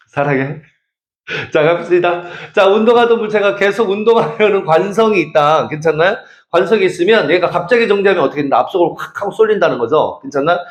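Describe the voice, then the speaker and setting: Brief: middle-aged male academy teacher, high voice, playful teasing lecture, roomy classroom. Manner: teasing, checks for understanding constantly. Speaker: math and science academy teacher.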